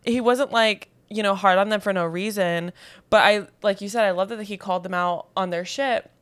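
A woman's voice: medium pitch, normal speed, smooth. A woman co-hosting a podcast, chatting casually and animatedly retelling movie scenes. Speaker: podcast co-host. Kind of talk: casual chat.

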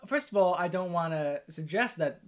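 A man co-hosting a comedy podcast, teasing his partner with playful, deadpan jokes. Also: high voice, moderate pace. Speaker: podcast co-host. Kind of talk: improvised comedy banter.

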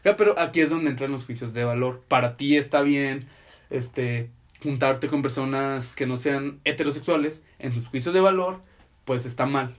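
A man's voice: mid-range voice, normal speed. A young man with a Mexican accent chatting casually as a podcast co-host, explaining things in slangy, profane language. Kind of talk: casual chat.

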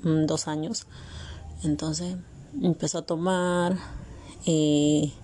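A young woman telling a personal family story in a hesitant, halting way, with frequent pauses and filler sounds. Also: deep voice, level tone, dark tone, a little hiss or hum.

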